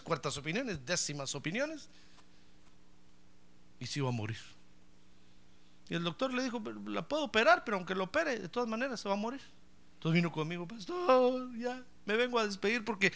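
A man's voice: high voice, a bit bright. A middle-aged man, a pastor, preaching a sermon and acting out both sides of a story's dialogue, calling his listeners brother. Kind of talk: sermon with acted anecdote.

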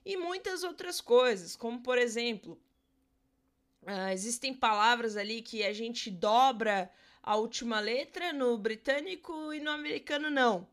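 A woman's voice: a little high, expressive, unhurried, fairly bright tone. A Brazilian woman teaching English in a casual podcast lesson, chatty, often checking in with her listeners and spelling words out letter by letter. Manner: chatty, checks in with tag questions.

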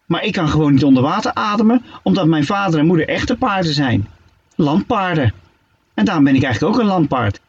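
A man's voice: fairly high pitch, animated, brisk, slightly rough. A man voicing a cheerful, fibbing male seahorse in a storybook reading, chirpy and coaxing. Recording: dull lo-fi recording.

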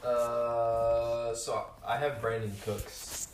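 Low voice guy, halting, off mic in an echoey room. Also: monotone, far from the mic, music in the background. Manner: halting, searching for names. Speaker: podcast panelist. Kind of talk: casual chat about fantasy football. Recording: roomy echo, a bit off mic.

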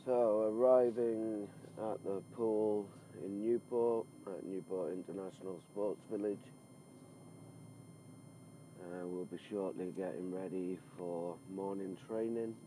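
A man's voice: low voice, steady tone, slow, warm tone, poor audio. A middle-aged man, a swimming coach, talking informally as he records a podcast diary of his working day. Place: on the move: car, outdoors, poolside. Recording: background noise from travel and outdoors.

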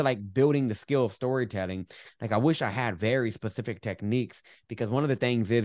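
A man with a lowish voice talks as a guest in a conversational interview, recorded very dry. He has a lisp on his S, and his R sometimes comes out as W. He explains emphatically, repeating phrases to drive them home. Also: no echo. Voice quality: lisp on S sounds; R sometimes sounds like W. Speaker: guest, public speaker.

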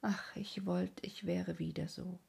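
A woman whispering the part of a gentle, deluded young man as a whispered role-play, in a wistful, dreamy way. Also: on the low side, steady tone, a little slow, vocal fry, slightly rough, heavily acted.

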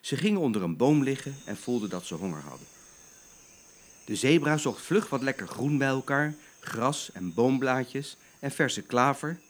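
Grandfather narrator for a bedtime story: older man, lively and animated reading. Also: mid-range voice.

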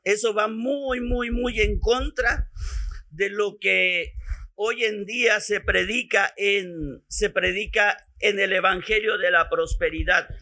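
Mexican male preacher, high bright voice, slow measured teaching delivery, repeats for emphasis. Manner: teaching, repeats phrases, calls listeners "beloved". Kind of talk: sermon.

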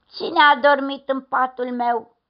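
A woman voicing a middle-sized storybook bear who complains slowly and loudly, in a dull lo-fi recording. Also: high voice, little pitch movement, voice pushed up, natural voice. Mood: complaining. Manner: slow, loud, somewhat thinner voice.

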